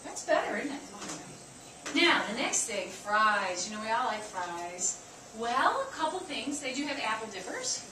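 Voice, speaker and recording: A woman dietitian giving a lively nutrition talk to staff, counting aloud and quizzing her listeners. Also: fairly high pitch. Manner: chatty, counts aloud and asks the audience questions. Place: staff meeting room. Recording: echoey room, from far off, noisy.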